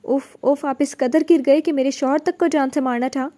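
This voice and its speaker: A woman's voice: high voice, fairly even intonation, dark tone, close to an everyday voice. A woman reading a story aloud, voicing a young wife crying out her pain and her accusations. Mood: distraught. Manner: distraught, accusing. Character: young wife, shattered by betrayal.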